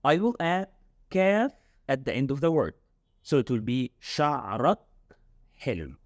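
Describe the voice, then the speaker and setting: A lively man whose first language is Arabic tutors Modern Standard Arabic in a casual lesson, explaining slowly and repeating words. His voice is medium-pitched, and the audio has no echo.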